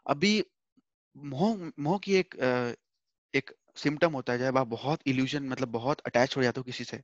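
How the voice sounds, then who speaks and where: A man's voice: medium pitch, moderate pace, no echo, dull audio. A man teaching a Hindi scripture class online from home, explaining patiently, repeating points and mixing in English words.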